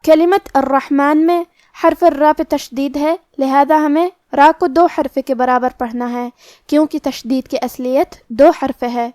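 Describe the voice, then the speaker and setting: A woman teaching tajweed, deliberately explaining each letter's rules and slowly reciting the verses aloud. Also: high voice, fairly even intonation, dark tone, no room sound, clean studio sound. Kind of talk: tajweed lesson with slow recitation.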